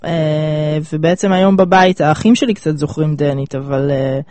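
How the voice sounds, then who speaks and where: A woman in her twenties with an Israeli accent, chatting casually and pausing mid-sentence as she thinks. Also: low-pitched, warm tone, dry recording. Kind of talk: casual chat.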